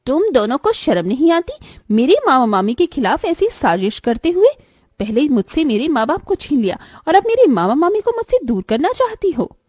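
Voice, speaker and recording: In a cartoon moral story, a woman voices a bitter, domineering young elder stepsister, scolding angrily with emphatic, dramatic delivery. Her voice is high-pitched and sing-song with a darkish tone, at normal speed, and there's no room sound.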